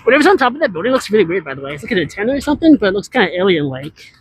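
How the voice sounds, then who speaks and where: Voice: mid-range voice, very animated, rapid-fire, husky. An IRL streamer chatting casually with viewers while walking and scootering outdoors through a large city, rambling and answering chat as they go.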